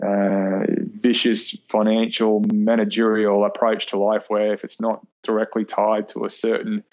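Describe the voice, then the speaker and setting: A man's voice: on the low side, monotone, measured pace, a little mellow, dull audio. A man in his forties with an Australian accent, a guest talking casually and emphatically in an interview. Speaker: podcast guest, reliability engineer with PhD.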